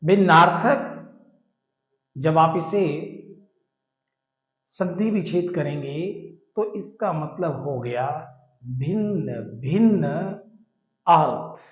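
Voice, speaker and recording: A man's voice: fairly high pitch, expressive, slow, long pauses. A man teaching a vocabulary lesson, explaining terms patiently, repeating words and spelling them out letter by letter. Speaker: English teacher. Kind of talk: classroom-style explanation of vocabulary. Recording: echoey, dull lo-fi room.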